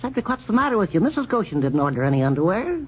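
An actor playing a pompous, fussy older male country doctor who lectures in a drawn-out way, in old radio comedy. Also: sits high, big pitch swings. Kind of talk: 1930s radio comedy acting. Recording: dull old radio recording with faint hiss.

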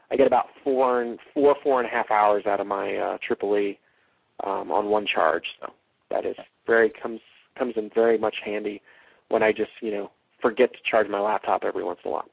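Male podcast host, slightly rough unclear tone, thinks aloud loosely, cheap dull-sounding microphone. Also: lowish voice. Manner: rambling, halting, thinking aloud. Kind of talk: casual unscripted podcast discussion.

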